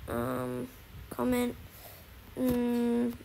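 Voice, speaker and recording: A woman giving casual, excitable commentary while streaming a game, repeating herself and talking to her chat. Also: a little high, very slow, gravelly, a little hiss or hum, poor audio.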